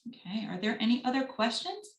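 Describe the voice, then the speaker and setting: A woman's voice: on the high side, very animated, a little fast, echoey room. A woman with a Long Island accent answering questions in an online panel, hesitant with many fillers. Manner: hesitant, many ums and sort-ofs. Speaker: panelist from a lending organization.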